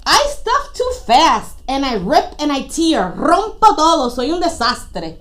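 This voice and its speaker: A woman voicing a quick, clumsy male rabbit who loudly makes excuses. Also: high-pitched, big pitch swings, heavily acted. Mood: emphatic. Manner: loud, emphatic excuses.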